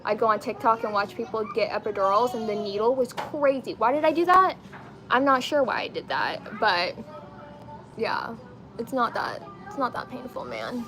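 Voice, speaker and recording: A twenty-nine-year-old beauty and lifestyle streamer chats casually with viewers during a get-ready-with-me livestream, using slangy language. Her voice is a little high and sing-song at a moderate pace, and the recording quality is low.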